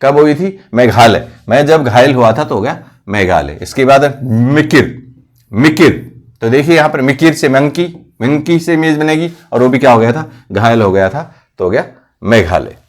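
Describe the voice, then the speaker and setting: A man's voice: mid-range voice, lively intonation, moderate pace. A male coaching teacher explaining memory tricks for exam facts. He keeps asking questions and answering them himself, repeating key words. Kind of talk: mnemonic lesson for competitive exams.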